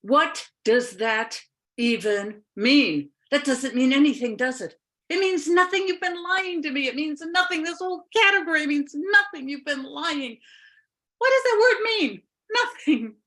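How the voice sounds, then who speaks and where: A woman playing a stressed young student racing a deadline, flustered and stammering. Her voice rises high and pleading as she stumbles over words. She sounds worn thin. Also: very animated, takes it slowly, full character voice. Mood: exasperated.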